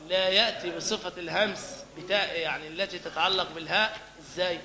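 Quick-paced and high, with fairly level intonation, the man teaches the call to prayer in an Egyptian accent. He chants lines and questions his students as a crowd is heard in the echoey hall. He is a religious teacher giving a recitation lecture.

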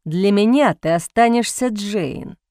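A woman voicing a cold, cynical male aristocrat who speaks in a hoarse, mocking drawl in an audiobook. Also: medium pitch, lively intonation, unhurried, a little mellow, no room sound, studio quality, close to an everyday voice. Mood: menacing.

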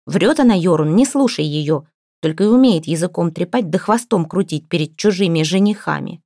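A woman's voice: on the low side, expressive, fairly quick, dark tone, dry recording, clean studio sound. A woman voicing a quarrelsome young village girl who angrily accuses a rival. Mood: indignant. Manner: indignant, accusing.

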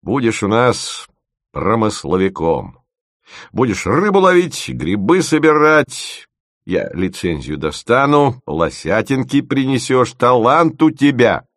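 A man's voice: medium pitch, big pitch swings, slow pace, no echo, clean studio sound, voice pushed up. A man voicing a bossy, motherly woman who leads an expedition and dotes on her team. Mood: bossy, doting.

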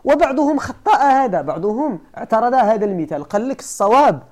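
A woman's voice: a little high, big pitch swings, fast talker, mellow. A woman with a Moroccan accent teaching a class, repeating each point and asking rhetorical questions. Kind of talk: classroom lecture on classical texts.

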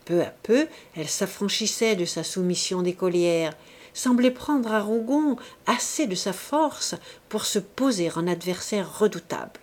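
A woman reading a classic novel aloud in a measured, expressive way. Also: mid-range voice. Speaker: audiobook narrator. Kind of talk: literary audiobook narration.

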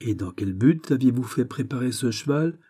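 An imperious young monarch, all wounded pride and sharp, haughty questions, as a male audiobook reader puts him on. The voice sits higher and louder than the reader's own deep, mellow tone, with a husky grain. It is a storybook king barely holding his temper. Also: lively intonation, moderate pace. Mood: indignant. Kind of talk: audiobook reading.

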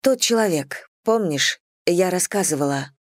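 Woman reads a headstrong young woman, pitched up, insistent and agitated. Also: animated, a little slow, no room sound, studio quality. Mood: impatient. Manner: higher, agitated, insistent delivery. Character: young woman, tense, impatient, stubborn.

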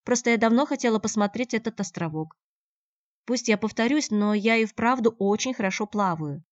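A woman voicing a quick-tempered young girl who speaks in an indignant, emphatic way, in a dull, dry recording. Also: on the high side, no echo, voice pushed up, natural voice.

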